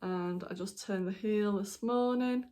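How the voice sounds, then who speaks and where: Slow-talking lady chatting about her knitting, lots of ums, rambly and apologetic. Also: mid-range voice, warm tone. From United Kingdom. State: hiccuping. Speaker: knitting podcast host. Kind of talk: casual show-and-tell vlog.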